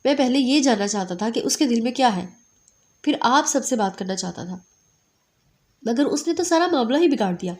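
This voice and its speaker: A woman voicing a calm, determined young man who speaks in a composed way. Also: a little high, close to an everyday voice. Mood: pleading.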